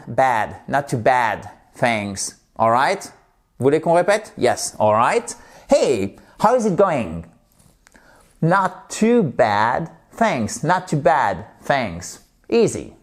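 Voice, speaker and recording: A man's voice: on the high side, darkish tone. A man teaching English in a chatty online lesson, switching between French explanations and English phrases he repeats for practice.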